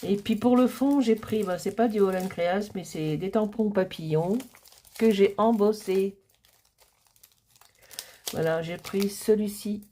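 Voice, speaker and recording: A middle-aged woman crafter talking casually through a paper-crafting project, chatty and hesitant, with many pauses and fillers. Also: medium pitch, dark tone, slight background noise.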